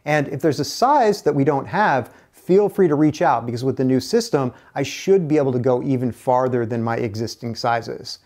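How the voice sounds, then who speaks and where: A man's voice: mid-range voice, moderate pace, few pauses, a little mellow. A middle-aged man hosting his own channel, giving an earnest scripted update to camera with a lapel mic in an indoor workshop. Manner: earnest, gestures with both hands while explaining. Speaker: kayak builder and channel host. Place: indoor workshop with a canoe and curtain.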